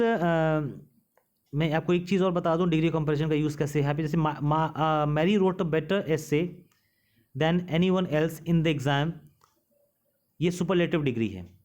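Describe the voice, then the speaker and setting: A male teacher explaining English grammar rules in Hindi, reading the English rules out slowly and asking his students questions as he explains. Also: fairly high pitch, darkish tone.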